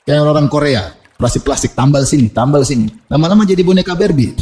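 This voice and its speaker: Lively high-voiced preacher. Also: male voice, fast. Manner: animated preaching with humorous asides and quoted Arabic. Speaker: Islamic preacher. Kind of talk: sermon.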